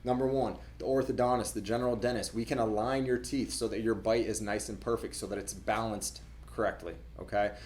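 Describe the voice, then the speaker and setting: A man's voice: lowish voice, fairly even intonation, fairly quick, hardly any pauses, darkish tone, a little hiss or hum. A young adult man, a dentist, explaining things casually to camera in a conversational way, often repeating words as he goes.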